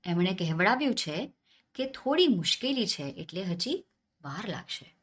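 A woman's voice: medium pitch, very animated, normal speed, fairly bright tone, husky. A woman voicing a dutiful male palace servant delivering a message in a storybook tale. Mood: reporting.

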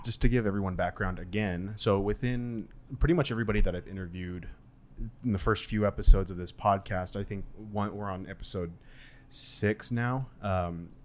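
Chatty deep-voiced podcast host man. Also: slight background noise. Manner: friendly, chatty. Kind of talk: casual podcast interview.

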